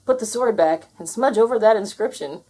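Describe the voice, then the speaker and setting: A woman's voice: fairly high pitch, expressive, fairly quick, warm tone, slightly rough, pitched above the performer's own voice. Lady doing a storybook character voice for a snarky cartoon tomcat, wry, mischievous, wisecracking. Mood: smug. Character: wry, mischievous, sarcastic male cartoon cat.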